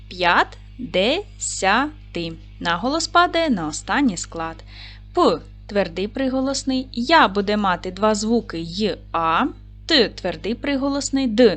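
A primary school teacher, a woman, records a video lesson for young children. Her voice rises and falls with lively, animated intonation as she spells out words slowly, stressing each syllable. Soft music plays faintly behind her. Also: mid-range voice. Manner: slow, clear dictation with stressed syllables; gentle, encouraging address to children.

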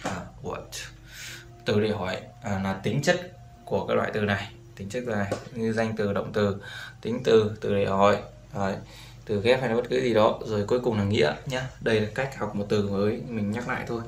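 A man's voice: on the low side, steady tone, brisk, gravelly. A man teaching a beginner English lesson, patiently repeating each word and often checking with "right?". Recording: roomy echo with faint background noise.

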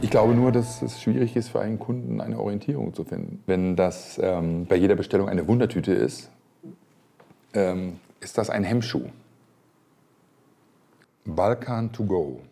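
A man's voice: lowish voice, measured pace, vocal fry, long pauses, mellow, faint music behind. A man in his fifties, a chef hosting a restaurant show, talking frankly and reacting aloud as he tastes food in a restaurant cellar. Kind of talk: reality TV commentary. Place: vaulted restaurant cellar, indoors.

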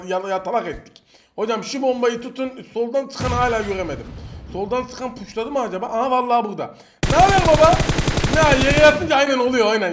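A young man with a very high voice calls out a mobile shooter game as he plays it. He mocks and teases his opponents and keeps breaking into sudden loud shouts. Gunfire from the game stays clearly audible behind him. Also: noisy background. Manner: teasing, playful trash talk with sudden outbursts at enemies. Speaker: mobile shooter gameplay streamer. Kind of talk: excited gameplay commentary.

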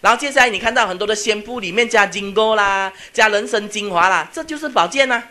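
A man's voice: high voice, fast, pushed and bright. A man giving a motivational seminar lecture. He keeps checking that the audience is following and mixes English words into his speech. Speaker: seminar speaker.

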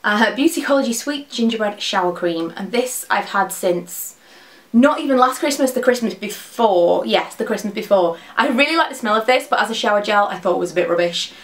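A woman in her thirties speaks very quickly, as a beauty vlogger would to camera. Her voice sits at a medium pitch. She chats casually and rambles through product opinions with frequent asides. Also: animated. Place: small dressing room at home, indoors.

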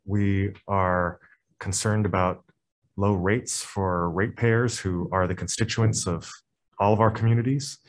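A man in his thirties questioning a nominee at a committee hearing in a polite, formal, deliberate way, speaking through a mask into a table mic. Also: low-pitched, steady tone. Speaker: state senator. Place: government hearing room. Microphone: table microphone, wearing a face mask.

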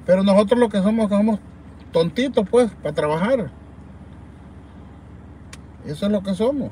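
A livestream host from El Salvador sits in his parked car at night, chatting animatedly and reading viewer comments aloud with a Salvadoran Spanish accent. His voice sits high with a dark tone at normal speed, over a little hiss or hum.

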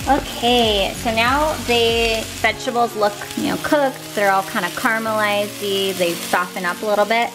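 A fitness vlogger in her thirties talks at a moderate pace with a slightly high, steady voice and hardly any pauses. She cooks in her home kitchen, chatting casually and cheerfully toward a counter camera. The recording is echoey, with music in the background.

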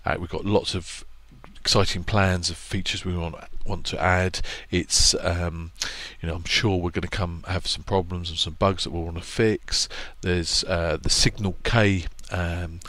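A product presenter for a marine electronics maker does a voice-over on a screen capture, walking through a product setup step by step. His very low voice is easygoing and plainspoken, full of pauses, ums, and restarts. There is no room sound.

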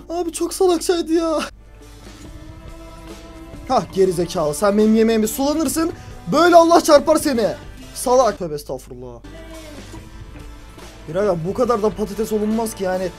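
A man hosting a gaming video, commenting excitedly on his play, shouting and groaning at the game and tossing mock insults at opponents. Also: sits high, normal speed, long pauses, faint music behind.

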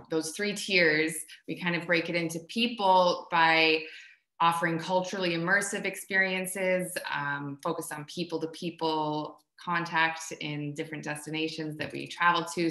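Casual webinar host, woman, 30s, chatty with fillers, sharp tone, laptop mic on a video call. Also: low voice. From United States. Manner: friendly, chatty, many fillers. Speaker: travel company co-owner hosting a webinar. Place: home room, video call. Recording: echoey room.

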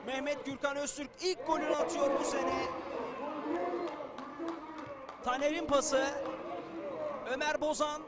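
A male football commentator screaming excitedly through live match play. His voice is pitched extremely high, with a loud stadium crowd and clear outdoor noise behind him. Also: normal speed. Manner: excited, screaming goal calls.

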